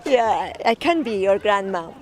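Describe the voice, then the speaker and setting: A woman in her seventies, born in Iran and raised in Italy, answering questions in a casual street interview, halting and searching for words, laughing often. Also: mid-range voice, animated, crowd noise. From born in Iran, grew up in Italy. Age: 70s. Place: outdoors in a town.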